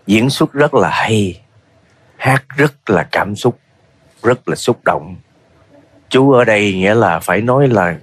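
A man with a deep voice and a slightly husky edge sits on a TV talent-show panel. He gives earnest, emphatic feedback, and his voice is recorded close and dry in the studio. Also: dry recording. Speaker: judge.

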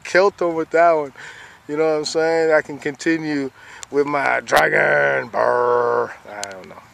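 A man's voice: on the high side, steady tone, moderate pace, gravelly, a bit bright, slight background noise. A man filming the sky outdoors on a handheld phone, rambling and repeating "see?" as he points things out. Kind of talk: casual filmed commentary. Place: outdoors beside a fenced yard.

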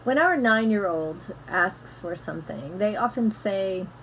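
Middle-aged woman pastor, gentle slow sermon on a webcam, soft noise behind. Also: mid-range voice, animated, rough recording. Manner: gentle, measured, conversational preaching. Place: home room with bookshelves. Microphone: laptop webcam, close framing.

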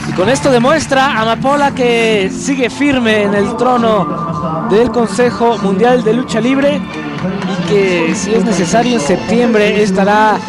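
A man giving analytical wrestling commentary as the second commentator of a broadcast. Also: high voice. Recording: loud crowd and music behind. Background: loud arena crowd and music.

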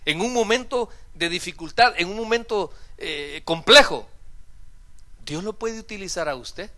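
A man's voice: sits high, sharp tone. A male pastor preaching a sermon in a church, telling humorous stories and acting out the dialogue. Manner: humorous storytelling, acts out dialogue. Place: church sanctuary.

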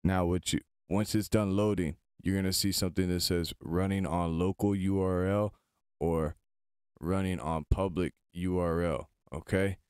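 Deep-voiced, casual man giving a tutorial. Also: steady tone, normal speed, a little mellow, clean tone, no room sound, studio quality. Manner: informal, chatty, step-by-step instructing. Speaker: tutorial host. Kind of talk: casual screen-recorded tutorial.

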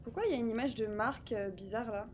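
A woman streaming live, chatting excitedly with her viewers while fixing her setup. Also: a little high, fast talker, slight background noise. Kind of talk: live gaming stream chat.

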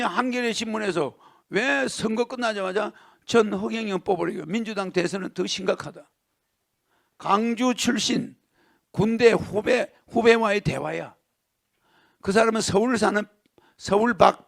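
A man's voice: sits high, creaky. An older man giving a lecture-style talk, reading a news column aloud and breaking off to comment, with emphatic rhetorical questions to his listeners.

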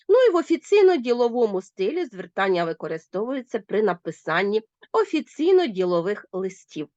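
A woman's voice: medium pitch, no room sound, lo-fi sound. A woman teacher giving a recorded grammar lesson, speaking directly to her pupils. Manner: animated, addresses pupils directly.

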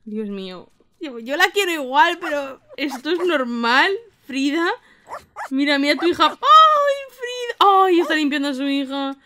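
A young woman with a Spain Spanish accent giving casual let's play commentary, expressive and exclamatory, often laughing. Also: high-pitched, moderate pace. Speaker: gaming youtuber.

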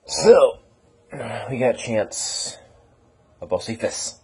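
Talking extremely slowly in a sing-song, mid-range voice with vocal fry, a young man rambles through a casual home vlog indoors. He addresses both the camera and his dog, teasing the dog in a self-mocking way, over a noisy background.

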